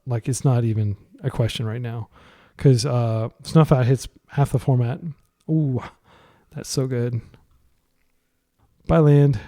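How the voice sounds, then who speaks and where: Here a young gaming commentator reasons out loud over a card game he's in, talking casually with lots of fillers. His voice is mid-range with a dark tone.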